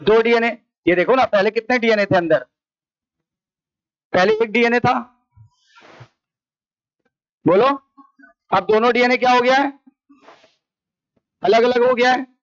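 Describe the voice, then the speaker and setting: A man with an Indian accent teaches a biology class in a high voice, asking each question several times. The sound is dry and a little dull, as from a plain classroom mic. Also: a little slow, pauses often, fairly bright tone, clear, resonant tone, no echo. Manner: repetitive question-and-answer drilling. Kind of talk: classroom lecture. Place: coaching classroom.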